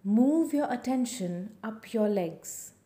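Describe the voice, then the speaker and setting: Female relaxation guide: hushed spa-style near-whisper, very warm and mellow, unhurried short soothing phrases. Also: a little high, animated. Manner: slow, soothing, with long pauses between short phrases. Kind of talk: scripted guided body-relaxation meditation.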